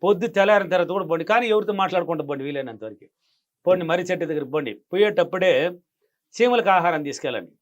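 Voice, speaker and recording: Brief: male interview guest, rapid and insistent, slightly high voice, dull lo-fi recording. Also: lively intonation. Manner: emphatic, repeats key phrases. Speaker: money affirmation guest. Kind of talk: interview advice. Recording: dull lo-fi sound.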